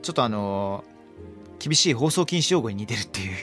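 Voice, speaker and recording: A man's voice: on the low side, faint music behind. A man from England, co-hosting a podcast English lesson in casual chat, switching between English and Japanese. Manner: lively, quick, mixes English and Japanese. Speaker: English teacher and co-host.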